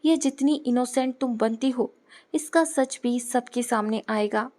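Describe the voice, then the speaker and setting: A woman playing a sneering young rich man, cold and sarcastic, slightly high voice, audio story. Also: a little slow, a little mellow, natural voice. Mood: scornful. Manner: cool, sarcastic and dismissive.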